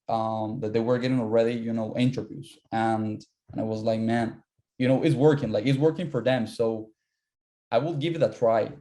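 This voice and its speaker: Young guy, mellow voice, casual, says things twice. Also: medium pitch. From Colombia. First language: Spanish. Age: young adult. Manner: casual, repeats words while searching for them. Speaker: interview guest, university finance student. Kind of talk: casual interview.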